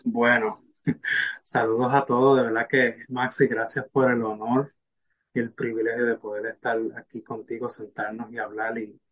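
A man's voice: mid-range voice, little pitch movement, moderate pace, fairly bright tone. Hesitant Puerto Rican man guest. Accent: Puerto Rican Spanish. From Puerto Rico. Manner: hesitant, many fillers and restarts while telling his story. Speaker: podcast guest and preacher.

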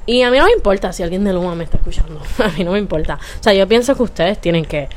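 A woman's voice: mid-range voice, animated, fast, a little mellow, slight background noise. A young woman with a Puerto Rican accent, ranting profanely in a casual monologue and slipping into English words. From Puerto Rico.

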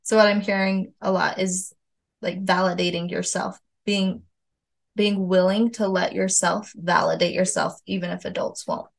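Gravelly low-voiced woman host. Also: little pitch movement, normal speed. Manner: reflective, affirming, paraphrases back what she hears. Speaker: parenting podcast host and mother. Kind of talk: casual conversational interview.

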